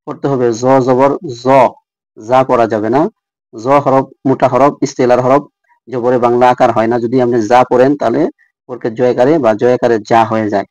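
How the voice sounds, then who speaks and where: Man, tajweed teacher, deliberate repetition, dry close sound. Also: medium pitch, level tone, darkish tone, no room sound, poor audio. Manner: repeats each letter sound slowly and deliberately; addresses viewers directly. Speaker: Quran recitation teacher. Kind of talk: tajweed lesson.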